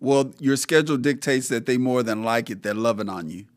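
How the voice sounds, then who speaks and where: Measured male podcast host. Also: medium pitch. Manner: measured, reads through a list with many fillers. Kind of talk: casual interview.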